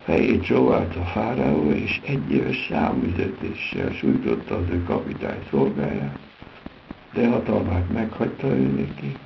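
Deep gravelly man reading dramatically. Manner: theatrical, dramatic delivery with big pitch swings. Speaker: reader. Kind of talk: literary prose reading. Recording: dull lo-fi recording with steady background noise.

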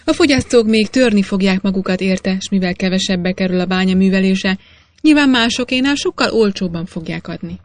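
A woman reading aloud, voicing a boastful, excitable old male master miner in a storybook. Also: medium pitch, no echo, natural voice. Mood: eager. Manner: boastful, insistent.

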